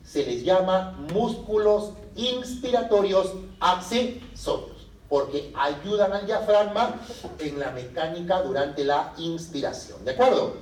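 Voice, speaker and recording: A man gives a medical lecture, voice a little high and lively. He keeps asking the class questions and answering them himself. The sound is roomy and picked up from across the classroom. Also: slow pace, a little hiss or hum. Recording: echoey room from a distance.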